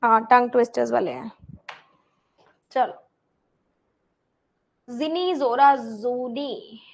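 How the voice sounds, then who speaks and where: A woman's voice: a little high, slow pace, gravelly, a little mellow. A woman teacher explaining a puzzle step by step, repeating items and checking in with her students. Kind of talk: online class explanation.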